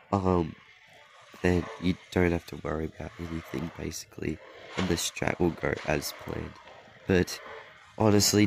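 A sick young man hosting a mobile game channel narrates his own footage with a deep, low voice full of vocal fry. His talk wanders, he fixes his own words, drifts off and laughs softly, and faint noise hangs behind him.

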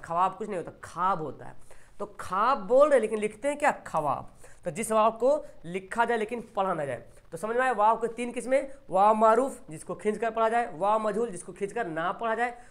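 A teacher giving an exam-prep grammar lesson, who keeps asking short quiz questions, answers them, and stretches out example words slowly. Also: mid-range voice, a bit bright.

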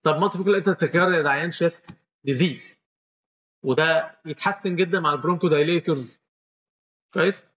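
Male lecturer, Egyptian accent, rapid step-by-step quizzing, dull lo-fi recording. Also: on the high side, fairly bright tone. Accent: Egyptian Arabic. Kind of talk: medical lecture with questions to students.

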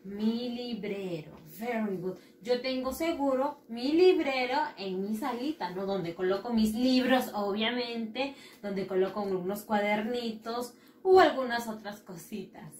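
A woman teacher leading a recorded lesson for young children, patient as she repeats each word for them. She speaks slowly in a fairly high voice. The sound is roomy and distant, with faint room noise behind her. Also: darkish tone. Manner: slow, patient, drilling repetition. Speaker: primary school English teacher. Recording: echoey room, mic at a distance.

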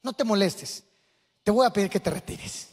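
A man voicing a calm older man who gently and firmly asks a young troublemaker to leave, in a soft, low, pleading way. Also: normal speed, slightly rough. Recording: echoey church hall.

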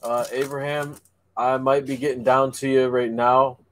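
A man co-hosting a card break, announcing that buyers' invoices are sent and teasing his partner in a relaxed way. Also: medium pitch, normal speed, dry recording. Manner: relaxed, teasing, laughs along. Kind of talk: casual card-opening chat.

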